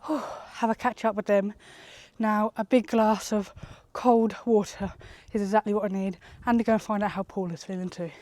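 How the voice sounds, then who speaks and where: A woman's voice: mid-range voice, steady tone, moderate pace, dark tone, dry recording. A woman from the UK chatting to camera in a vlog while out walking. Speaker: vlogger. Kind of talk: casual vlog talk to camera. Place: outdoors on a hill walk.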